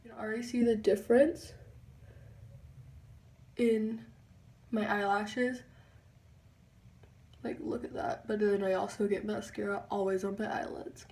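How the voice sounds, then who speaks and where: A young woman giving a chatty makeup tutorial, pausing as she concentrates. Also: medium pitch, fairly even intonation, darkish tone, distant mic. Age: young adult. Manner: chatty, halting while concentrating. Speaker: beauty vlogger. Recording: echoey room, a bit off-mic.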